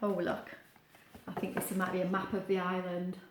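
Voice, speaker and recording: A woman with a fairly low pitch reads a children's book aloud at a normal speed, expressively explaining words and asking the listener questions in chatty asides. The sound is roomy and the background noisy.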